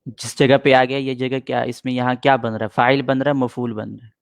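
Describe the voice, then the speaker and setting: A patient middle-aged man teaching a grammar class, going over each rule more than once. His voice has an average pitch and sounds close and dry, with no room echo. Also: level tone, vocal fry, smooth. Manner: patient, repeats points and answers students' questions.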